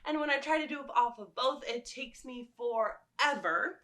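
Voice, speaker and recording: In a casual chat with her audience, a fan fiction writer and vlogger tells rambling, enthusiastic stories. Her voice sits a little high, moves at a moderate pace, and has a bright, forceful tone.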